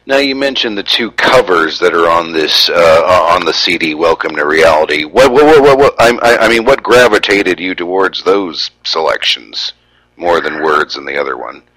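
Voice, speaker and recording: Low male radio host, stammers through his questions. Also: animated, moderate pace, sharp tone, low-quality recording. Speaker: radio interviewer. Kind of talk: radio interview.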